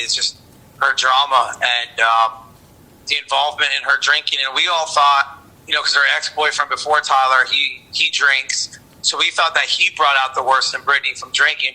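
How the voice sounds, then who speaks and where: A man's voice: mid-range voice, sharp tone, low-quality recording. A man telling police about a friend's relationship in a hesitant, repetitive, casual way. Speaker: interviewee, friend of victim. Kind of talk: recorded police interview.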